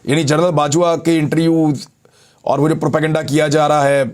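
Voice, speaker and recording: A man's voice: a little high, level tone. Emphatic man giving political commentary. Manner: emphatic, lists points rapidly.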